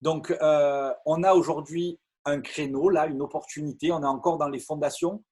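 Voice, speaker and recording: A middle-aged man from France, speaking in a somewhat high, husky voice. He tells his story to a crowd with eager energy, stumbling and repeating words as he goes. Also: moderate pace. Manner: lively, repeats words and stumbles, many fillers. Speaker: network marketing speaker. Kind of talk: animated storytelling talk to an audience.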